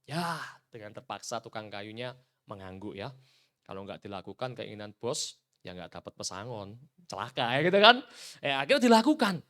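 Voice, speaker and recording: Addressing the congregation head-on, a male preacher swings widely in pitch within a mid-range voice at normal speed. His sermon climbs to loud, emphatic peaks, then falls away to near-whispers.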